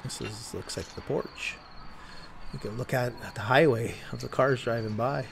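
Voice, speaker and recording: A man casually narrating as he walks through an abandoned desert building at night, with a camera strapped to his chest, rambling slowly and correcting himself as he goes. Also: mid-range voice, gravelly, noisy background. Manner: slow, rambling, self-correcting. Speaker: urban explorer vlogger. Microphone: chest-mounted camera.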